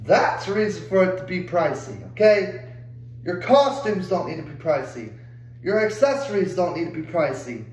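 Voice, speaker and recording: Profane man ranting, high voice. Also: animated, normal speed, a little mellow, roomy sound, low-quality recording. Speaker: vlogger. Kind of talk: angry rant to camera.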